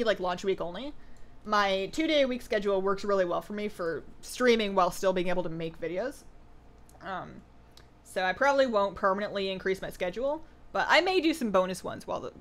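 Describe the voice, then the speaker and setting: Expressive and slightly quick, her voice falls in the middle range. It's a casual gaming live stream where she chats with viewers, reads their questions out loud, and leans on "like" and "um," her voice somewhat tired from two hours of talk.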